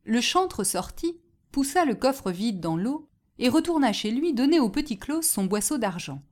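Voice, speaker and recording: A woman narrating a fairy tale in an expressive storytelling manner. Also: on the high side, normal speed.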